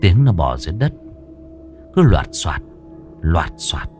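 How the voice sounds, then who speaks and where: A male storyteller reads a scripted ghost story, drawing out the dread. His voice is very deep yet highly animated in melody, with faint music playing beneath. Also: measured pace. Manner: dramatic, lingering storytelling. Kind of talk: scripted horror narration.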